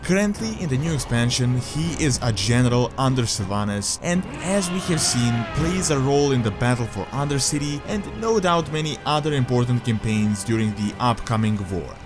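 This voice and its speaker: A man delivers scripted top ten countdown narration at a middling pitch. Music plays clearly behind his voice throughout. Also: expressive, normal speed, hardly any pauses. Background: background music.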